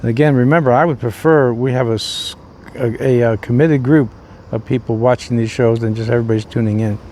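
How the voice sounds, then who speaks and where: Folksy older pastor, rambling and unhurried. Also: male voice, mid-range voice, steady tone, a little mellow, slight background noise. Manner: rambling, folksy, many fillers and restarts. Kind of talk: informal devotional talk.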